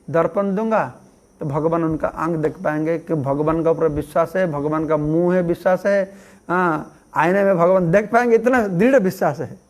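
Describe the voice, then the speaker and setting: A man telling devotional stories in a relaxed, conversational sermon, acting out the people in them and often adding an affirming "haan". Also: high voice. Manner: conversational, acts out voices in his stories; frequent affirming "haan" fillers. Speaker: monk preacher. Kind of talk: storytelling sermon.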